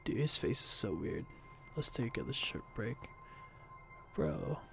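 A man's voice: medium pitch, big pitch swings, slow, vocal fry. A man hosting a horror game playthrough in jumpy, self-mocking, swearing chatter. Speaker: gaming video host. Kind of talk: casual horror game let's play. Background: faint game music.

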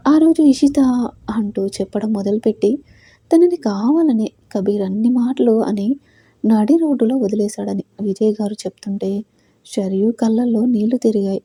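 A woman narrating a romantic audio story in an expressive, dramatic storytelling manner. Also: mid-range voice, normal speed, breathy edge, dry recording.

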